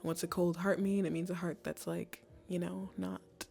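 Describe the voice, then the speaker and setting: A woman's voice: on the low side, flat delivery, moderate pace, creaky, mellow, faint music behind. A young woman casually giving college essay advice, chatty and full of "like"s and restarts. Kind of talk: casual advice talk to camera.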